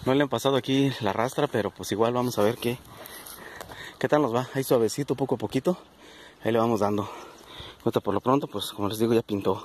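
Hombre mexicano charlando al aire libre. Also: male voice, mid-range voice, darkish tone, a little hiss or hum. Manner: chatty, addresses viewers as friends. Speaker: metal detecting vlogger. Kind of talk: casual outdoor vlog narration. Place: outdoors in a plowed field.

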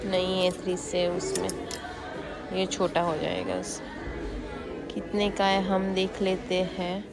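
A woman's voice: lowish voice, little pitch movement, slow pace, vocal fry. A woman, chatting casually to her phone camera as she walks and shows things. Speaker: vlogger. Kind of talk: casual shopping vlog narration. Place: busy indoor mall and outdoor food court. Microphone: handheld phone camera. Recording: loud crowd and music behind.

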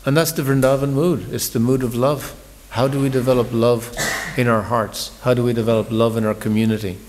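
Man preaching conversationally in a large temple hall, long reverb, mid-pitched voice, storyteller with stumbling restarts. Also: steady tone, a little fast, slight background noise. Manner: warm storytelling, conversational, repeats words when he restarts. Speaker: visiting speaker giving a scripture class. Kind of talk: sermon.

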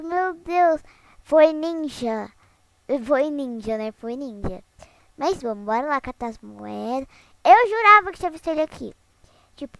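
A woman's voice: high voice, fairly bright tone, no echo. A young woman casually commenting on her Roblox gameplay as a channel host, chatty and giggly, often turning to her viewers and squealing when startled. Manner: chatty, giggly, lots of "né, gente?" asides.

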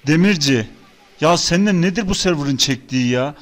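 A young man talking through a game in casual commentary, excitable and swinging between groans and outbursts. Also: fairly high pitch, moderate pace. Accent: Turkish. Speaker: gaming YouTuber. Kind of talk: casual let's-play commentary.

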